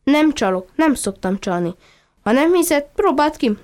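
A woman's voice: high voice, expressive, a little mellow, voice pushed up. A woman voicing a curious, proud male puppy who explains things patiently and earnestly. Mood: confident.

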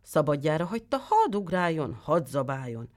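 A woman reading a fairy tale aloud with lively, expressive storytelling. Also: sits low.

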